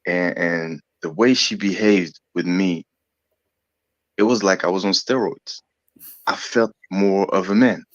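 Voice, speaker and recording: A man's voice: deep voice, measured pace, no room sound, highs cut off. A man in his thirties from France, speaking English as a second language, a little sick and searching for words with many fillers. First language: not English. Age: 30s. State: sick, coughing. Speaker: podcast guest. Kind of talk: casual chat.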